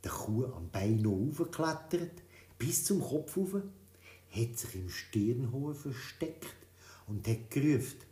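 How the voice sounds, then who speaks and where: A man reading a children's story, in a lively, expressive telling. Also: mid-range voice, takes it slowly. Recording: roomy echo.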